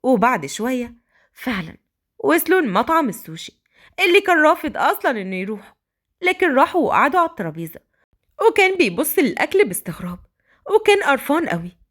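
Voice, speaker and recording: A woman storyteller reading a romantic tale aloud. Her narration is dramatic and expressive, with a lively pitch that climbs and falls through each line. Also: fast talker.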